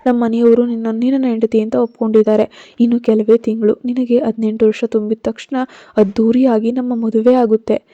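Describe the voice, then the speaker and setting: A tender young man speaks softly and steadily to comfort his beloved, as a woman reads him aloud. The voice sits fairly high and mellow, with a quick, even pace. It is a storybook reading on a dry, slightly dull recording. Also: no echo, close to an everyday voice. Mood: reassuring. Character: young man, gentle and reassuring lover.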